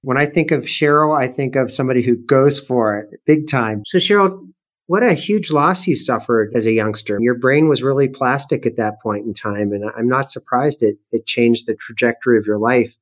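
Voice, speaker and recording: A man's voice: mid-range voice, moderate pace. A man hosting an interview, asking questions in an encouraging, admiring way. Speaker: podcast host.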